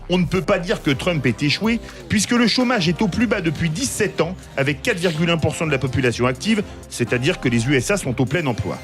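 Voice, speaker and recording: A fairly high-voiced man presenting a radio talk show in a measured, polished way. A soft music bed plays under him. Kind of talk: scripted introduction then moderating.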